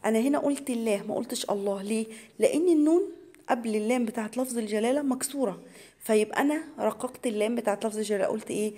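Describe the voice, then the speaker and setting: A woman with an Egyptian accent teaching tajweed to beginners. She explains each rule in quick colloquial speech, then recites the words slowly and drawn out. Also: fairly high pitch, warm tone. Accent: Egyptian Arabic.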